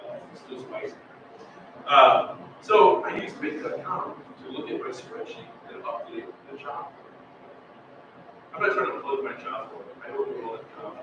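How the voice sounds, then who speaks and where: A man's voice: fairly high pitch, huge pitch swings, normal speed, background noise. A man giving a casual, rambling talk at a design event, full of fillers and asides. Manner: rambling, chatty, with many fillers. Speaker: conference speaker. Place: event hall. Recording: echoey hall from far off, dull.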